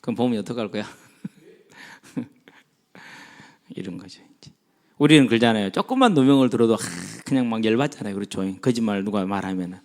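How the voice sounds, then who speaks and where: A man's voice: on the low side, brisk, pauses often. A man preaching an afternoon church sermon, asking the congregation questions and acting out the voices of people in the story. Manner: animated, acts out quoted voices, asks the congregation questions. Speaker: pastor.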